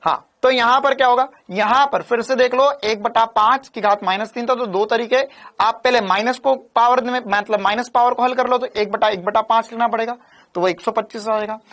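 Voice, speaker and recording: A man's voice: extremely high pitch, fairly even intonation, brisk, fairly bright tone. A male physics teacher giving an online coaching class, repeating phrases and firing questions at his students. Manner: keeps asking viewers to confirm and give a thumbs up.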